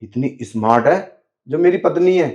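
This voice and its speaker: A man's voice: a little high, animated, moderate pace, darkish tone, muffled recording. A man in a scripted skit, playing a sleazy man who pretends to be blind, talking in a sly, wheedling way. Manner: sly, wheedling, keeps saying "you know". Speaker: actor in a short skit.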